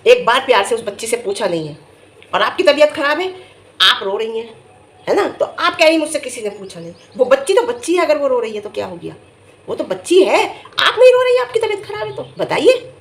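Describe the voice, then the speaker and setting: A middle-aged woman giving casual vlog commentary, emphatic and scolding, her voice jumping high when she gets indignant. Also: very animated, fairly quick. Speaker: vlogger reviewing family vlogs. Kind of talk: casual talking-head commentary.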